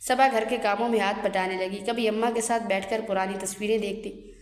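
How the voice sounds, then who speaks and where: A woman's voice: medium pitch, fairly even intonation. A woman narrating a dramatic story in an earnest, emotional way. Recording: echoey room with long reverb.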